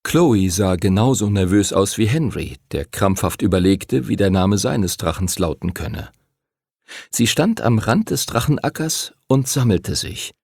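Expressive male audiobook narrator. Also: fairly low pitch, a little slow, gravelly, no echo, clean studio sound. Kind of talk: scripted narration.

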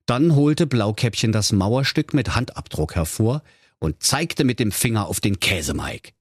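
A man's voice: lowish voice, lively intonation, unhurried, slightly rough, no echo, studio quality. A man telling a comic fairy-tale parody in a playful, theatrical way. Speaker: narrator.

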